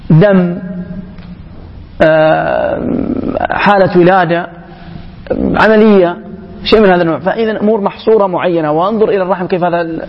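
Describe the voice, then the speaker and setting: A man giving an emphatic public lecture to young people, often pausing and restarting mid-phrase. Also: sits high. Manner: emphatic, halting, with frequent restarts. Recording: echoey hall, dull lo-fi sound.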